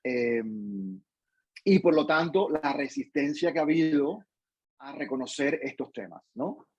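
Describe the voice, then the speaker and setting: A man's voice: medium pitch, lively intonation, a little slow, slightly rough, no echo, highs cut off. A Cuban man answering interview questions in a thoughtful way, with frequent restarts and tag questions. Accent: Cuban Spanish. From Cuba. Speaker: interview guest, professor.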